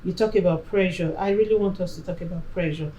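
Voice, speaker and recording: A middle-aged woman, moderating a panel discussion with emphatic, deliberate phrasing. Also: on the low side, mellow, a little hiss or hum, rough recording. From Africa. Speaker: discussion host.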